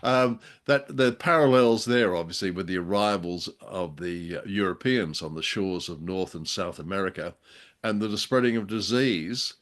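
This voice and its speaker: This older podcast co-host has a deep, slightly bright voice at a moderate pace. In a casual chat reviewing an old radio drama, he comes across wry, joking, and rather hesitant.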